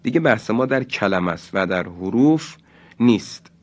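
A man teaching Quran recitation rules in a slow, deliberate lesson, stretching out example words. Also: lowish voice, lively intonation. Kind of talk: religious lesson.

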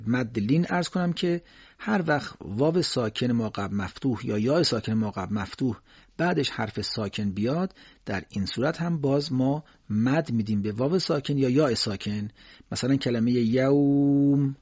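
A man gives a recitation lesson in a husky, mid-pitched voice, moving between calm explanation and slow, drawn-out chanted examples. The recording is dry and somewhat muffled, with no room around it. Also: no room sound. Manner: explains calmly, then slowly chants drawn-out Quranic examples. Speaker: Quran recitation teacher.

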